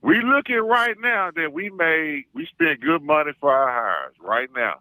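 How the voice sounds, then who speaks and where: A man with an Arkansas Southern accent, talking as an animated sports fan calling in, boastful and emphatic, repeating his phrases for effect. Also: a little high, unhurried, vocal fry, no echo, rough recording. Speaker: call-in guest, self-styled football scout.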